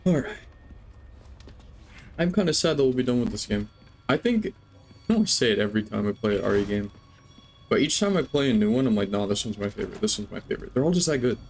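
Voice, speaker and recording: A man's voice: medium pitch, slight background noise. A young adult man streaming a game, rambling, joking and swearing as he chats with viewers. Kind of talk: live gameplay commentary.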